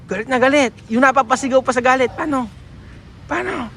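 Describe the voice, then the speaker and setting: A man's voice: extremely high pitch, fairly even intonation, a little fast, creaky, pushed and bright, slight background noise. A man from the Philippines vlogging in casual chat, playful and coaxing, often stopping and restarting his words.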